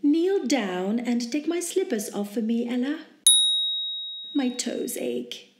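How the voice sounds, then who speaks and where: A woman's voice: fairly high pitch, animated, takes it slowly, dark tone, reverberant, slight background noise. A woman voicing a haughty, bossy teenage girl in a fan audiobook, talking down and giving orders. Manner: condescending and commanding.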